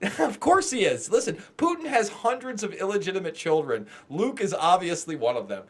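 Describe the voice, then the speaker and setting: A male co-host with a slightly higher pitch than most men talks on a casual live stream. He jokes and teases, and laughter often breaks into his lines. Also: sing-song, fairly quick. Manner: joking, teasing, laughs often.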